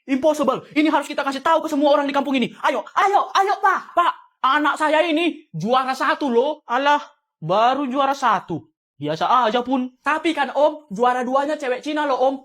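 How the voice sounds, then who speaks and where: A woman acting out comedy skits, switching between character voices and shouting in mock anger. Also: high voice. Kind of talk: comedy skits playing many roles.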